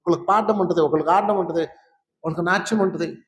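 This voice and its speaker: High-voiced man teaching a gathering. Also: fairly even intonation, quick pace. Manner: conversational, quizzes and teases listeners. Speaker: spiritual teacher. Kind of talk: informal talk to a live gathering. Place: gathering hall with an audience. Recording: roomy, echoing hall sound.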